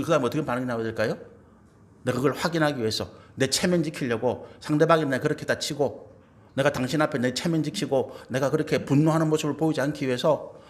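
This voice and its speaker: A man preaching a sermon as pastor, acting out quoted family members in his own voice. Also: mid-range voice. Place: church sanctuary.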